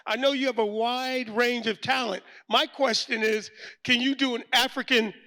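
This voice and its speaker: A man from Connecticut hosting an event over a video call, enthusiastic and shouty as he hypes up his guests. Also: very high-pitched, steady tone, normal speed. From Hartford, Connecticut. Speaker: host and producer.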